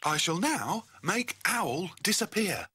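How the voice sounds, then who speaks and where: A man's voice: high voice, sing-song, slow, pushed and bright, slight background noise, exaggerated voice. A British man voicing an eager young cartoon dog who announces magic tricks like a theatrical stage magician. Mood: showy, proud. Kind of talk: children's cartoon acting. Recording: music behind the voice.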